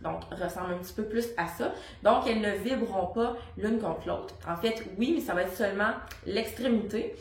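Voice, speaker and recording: A woman's voice: medium pitch, normal speed. Québécois woman voice coach, roomy sound. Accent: Québécois French. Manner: casual and explanatory, with frequent fillers and sung demonstrations. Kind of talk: vocal lesson to camera. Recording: roomy echo.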